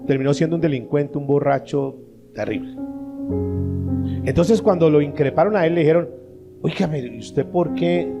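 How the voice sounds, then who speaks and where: A male pastor preaching a sermon, asking the congregation rhetorical questions and acting out short dialogues. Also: fairly high pitch. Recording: live sermon with guitar music behind.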